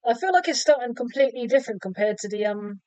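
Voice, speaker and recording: A woman's voice: fairly high pitch, animated, fast, a little mellow, dry recording. A woman giving casual commentary as she hosts a film reaction. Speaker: reaction host.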